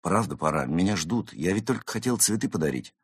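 A man voicing a polite, timid young tomcat with mild, low-key replies in an audiobook. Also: expressive, brisk, slightly rough, no echo, clean studio sound.

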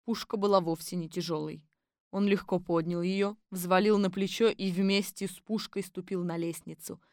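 A woman narrating an audiobook for children. Her storytelling is lively and wry. The sound is dry and close. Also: fairly low pitch, normal speed, no echo.

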